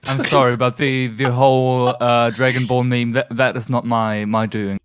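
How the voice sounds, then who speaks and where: A man's voice: medium pitch, flat delivery, normal speed, background noise. A man in casual, sweary banter with friends while playing a tabletop game.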